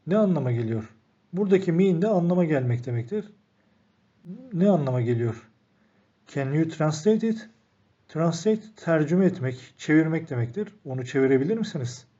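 A man teaching an English lesson, reading each phrase out and then explaining it calmly to the viewers he calls friends. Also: on the high side, moderate pace, long pauses. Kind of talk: recorded language lesson. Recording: dull lo-fi recording.

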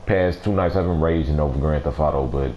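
A young man with a raspy voice doing casual, slangy, playfully complaining commentary over a video game. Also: a bass voice, fairly quick, dull audio. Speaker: gaming video host. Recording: noisy track with game sounds behind. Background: video game audio.

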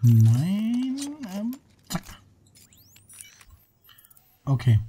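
Ein Mann kommentiert als Let's Player locker und beiläufig sein Spiel, mit stockenden Einwürfen. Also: male voice, high voice, very animated, dark tone, slight background noise. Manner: offhand, halting asides. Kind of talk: casual gameplay commentary.

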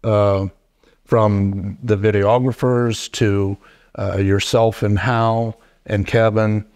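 A middle-aged man hosting a casual podcast interview, talking haltingly with many fillers and restarts into a desk mic in a wood-paneled studio. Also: fairly low pitch, flat delivery, a little mellow. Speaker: podcast host. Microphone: boom mic on desk stand.

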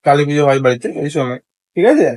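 A man with a Bengali accent, vlogging in casual chat with a sore, scratchy throat. He talks quickly and teasingly to the camera. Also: on the high side, expressive, darkish tone, no echo.

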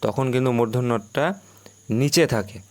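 A man teaching a video lesson on pronunciation, explaining slowly and repeating words aloud to model their sounds. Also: mid-range voice, dry recording.

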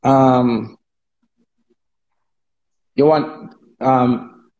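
A man with a Jamaican accent chatting on a phone livestream, telling animated stories, laughing and acting out dialogue. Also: medium pitch, very slow, highs cut off. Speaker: dancehall artist on a live stream. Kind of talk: casual chat on a livestream.

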